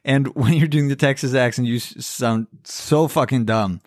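Animated casual podcast host. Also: male voice, medium pitch, moderate pace, dry recording, clean studio sound.

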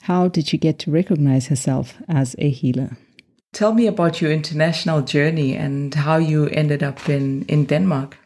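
Brief: woman host, very low and mellow voice, quiet and attentive. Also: normal speed. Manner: quiet, attentive, with many soft murmurs of assent. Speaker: podcast host. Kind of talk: interviewing and reading a show intro.

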